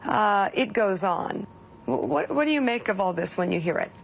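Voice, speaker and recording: A woman's voice: medium pitch, expressive, moderate pace, gravelly, a little hiss or hum. A woman interviewing a guest on television, asking direct, probing questions.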